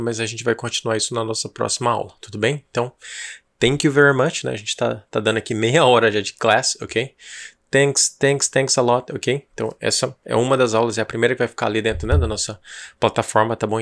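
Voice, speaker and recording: A man with a Brazilian Portuguese accent teaching an online class in a chatty way, asking and answering his own student questions and slowly drilling phrases for repetition. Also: medium pitch, creaky. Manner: slow, drawn-out drill repetitions. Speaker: English teacher.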